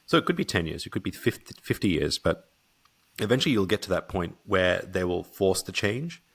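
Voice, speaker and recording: Male podcast guest, deep voice, reflective and hedging delivery. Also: big pitch swings, fairly quick, vocal fry, slightly rough. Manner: thoughtful, hedging, with restarts. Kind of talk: casual conversation.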